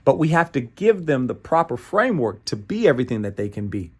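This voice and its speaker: This American man gives a motivational training talk in a mid-range voice that swings widely in pitch, fairly quick and slightly rough. He's emphatic and playful, repeating phrases, checking in with "right?", and tossing in asides and chuckles.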